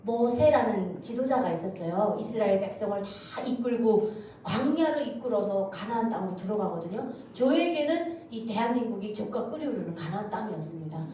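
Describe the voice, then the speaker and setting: A woman from North Korea giving a church testimony, telling her story in a lively way and acting out the voices she quotes. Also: mid-range voice, brisk, hardly any pauses. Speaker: guest speaker giving testimony. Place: church sanctuary. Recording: echoey church hall, distant mic, faint noise.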